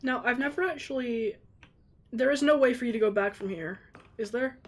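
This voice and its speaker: A woman giving casual gameplay commentary in a fairly high voice. She is chatty and informal, talking straight to her viewers with self-aware asides. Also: brisk. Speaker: streamer playing a game.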